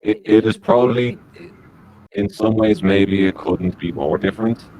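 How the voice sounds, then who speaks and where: A man speaking through a disguised deep voice as a podcast guest, giving rambling, halting answers. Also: vocal fry, a crowd in the background, poor audio. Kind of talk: comic podcast interview.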